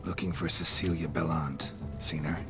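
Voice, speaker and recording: Geralt, a gruff monster hunter. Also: male voice, moderate pace. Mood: terse. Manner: terse clipped sentences, low and flat. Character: gruff middle-aged male monster hunter, terse and stoic. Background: game music.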